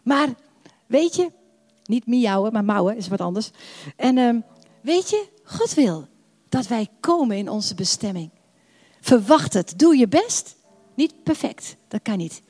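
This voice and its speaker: An older woman delivers a sermon in a slightly high voice. She speaks warmly and emphatically, repeating key phrases and slowing into drawn-out prayer lines. Her voice carries a long reverb, as if recorded in a church hall. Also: big pitch swings. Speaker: preacher.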